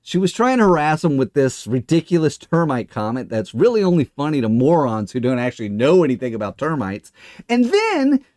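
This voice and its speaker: A man's voice: mid-range voice, sing-song, a little fast, darkish tone, no echo, studio quality. A middle-aged man hosting a commentary show, delivering a scripted rebuttal in a smug, sarcastic, mocking and emphatic way. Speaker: livestream host and commentator. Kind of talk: scripted monologue rebuttal to camera. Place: small indoor studio.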